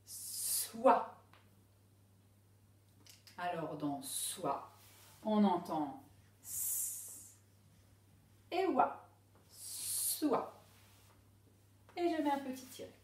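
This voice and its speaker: Slow, lively teacher woman in an echoey room. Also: medium pitch. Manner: clearly sounding out syllables. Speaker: primary school teacher. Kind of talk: slow classroom reading lesson. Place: classroom with a board. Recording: echoey room, voice a bit far from the mic.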